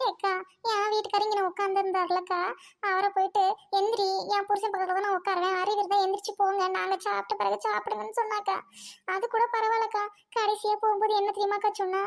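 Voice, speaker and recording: A woman acting a sharp-tongued, quarrelsome young bride in a Tamil audio drama, scolding her husband and his family. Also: extremely high pitch, level tone, quick pace, vocal fry. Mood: complaining.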